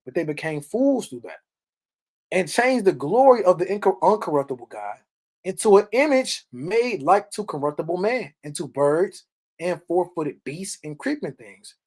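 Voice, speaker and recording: Reading Bible verses aloud and then unpacking them, this man speaks at a moderate pace in a high, sing-song voice with a darkish tone. His preaching is informal and emphatic, peppered with "right?" and "okay?"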